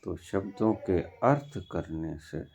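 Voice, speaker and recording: A man with a Punjabi accent giving a slow, deliberate sermon as a spiritual teacher, pausing for emphasis and stressing key words. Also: low voice, animated, gravelly, a little mellow, a little hiss or hum.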